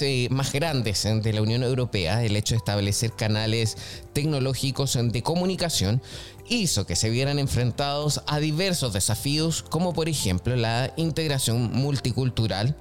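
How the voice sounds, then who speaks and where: A man hosting a radio technology show, presenting topics and interviewing a guest. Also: medium pitch.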